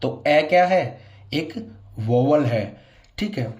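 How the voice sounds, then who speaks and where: A male English grammar teacher who explains an exercise, asks questions and answers them himself, and reads the example sentences slowly, word by word. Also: fairly high pitch, animated, a little mellow, highs cut off. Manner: addresses viewers as guys. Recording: echoey room.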